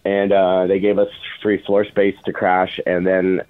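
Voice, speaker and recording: Low-voiced middle-aged man, thin phone-like sound. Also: monotone, unhurried. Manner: informal, quotes past dialogue in anecdotes. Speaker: interview guest, film producer. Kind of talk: casual anecdotal storytelling. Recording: phone-like, band-limited radio sound.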